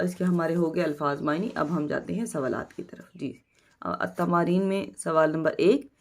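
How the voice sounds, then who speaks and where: A woman teacher with a Pakistani Urdu accent, giving a recorded study lesson and going slowly through word meanings one at a time. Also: lowish voice. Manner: reads word meanings slowly, stressing each word.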